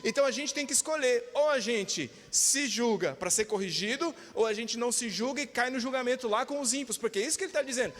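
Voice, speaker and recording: This pastor, a man with a Brazilian Portuguese accent, preaches with emphasis, urging amens and dramatizing the voices he quotes. His voice is very high with a fairly bright tone, and the church hall around him is reverberant.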